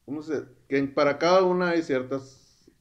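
A man's voice: a little high, normal speed, dull audio, slight background noise. Young male co-host, joking, teasing. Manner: joking, finishes others' sentences. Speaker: podcast co-host. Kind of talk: casual chat.

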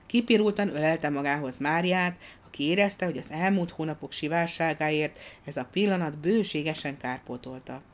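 Woman narrator with a low voice, reading a children's storybook expressively, measured delivery. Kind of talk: audiobook narration.

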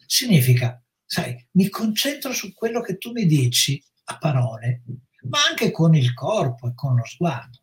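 A middle-aged man speaks as a psychologist in a reflective educational talk. He explains things in a measured, thoughtful way. His voice sits somewhat high for a man. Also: big pitch swings. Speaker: psychologist guest.

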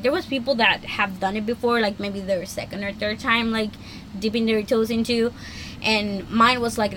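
A young woman hosting a casual solo podcast, chatty and excitable, filling her talk with "like". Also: fairly high pitch, slight background noise, rough recording. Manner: chatty, many "like" fillers, excitable. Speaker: podcast host.

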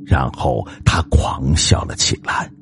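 A man narrating a ghost story in a slow, suspenseful storytelling manner. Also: extremely low pitch.

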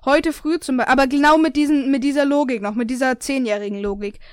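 A woman's voice: high-pitched, steady tone, fast, smooth, dry recording, studio quality. A young woman casually reading aloud a story she wrote, with slips and self-corrections. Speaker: reader of her own story.

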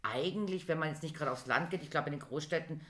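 Woman podcast co-host; bright, sharp voice, emphatic. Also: deep voice, fast. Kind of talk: casual chat.

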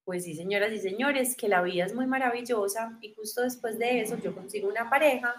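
Animated woman with a Medellín accent. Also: fairly high pitch, a little fast. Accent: Medellín Colombian Spanish. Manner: animated, acts out quoted voices. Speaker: guest. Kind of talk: casual storytelling interview.

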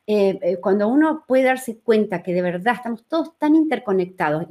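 A woman whose voice is on the high side and warm teaches human design in a conversational live session. With her Uruguayan accent, she often checks in with listeners and repeats phrases for emphasis.

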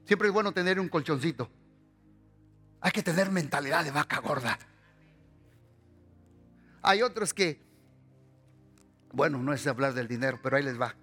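A man preaching a sermon as pastor, lively and full of humorous personal stories. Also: a little high, moderate pace, pauses often, husky, faint music behind.

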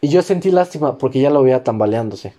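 A man's voice: mid-range voice, expressive, quick pace, warm tone. A young adult man with a Mexican accent, hosting a podcast and telling a story in casual, slang-filled chat with lots of fillers. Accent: Mexican Spanish. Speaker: podcast host.

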